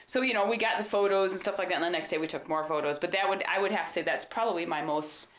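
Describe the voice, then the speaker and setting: A woman co-hosting a podcast, telling hunting stories in an animated, rambling way. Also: fairly low pitch, quick pace. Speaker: podcast co-host. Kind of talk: casual storytelling chat. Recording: roomy echo.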